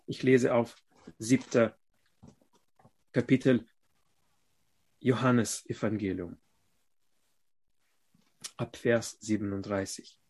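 Slow, halting male preacher. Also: medium pitch, steady tone, breathy edge. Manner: slow, halting delivery with pauses, rising loud when reading scripture aloud. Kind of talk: sermon.

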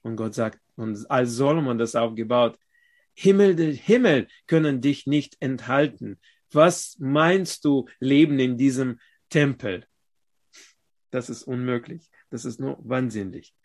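Slow, halting male preacher. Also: medium pitch. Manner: slow, halting delivery with pauses, rising loud when reading scripture aloud. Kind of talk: sermon.

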